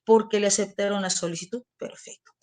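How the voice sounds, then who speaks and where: A woman's voice: mid-range voice, fairly even intonation, a little fast, darkish tone. A middle-aged woman teacher giving a classroom lesson, repeating key terms and putting questions to her students.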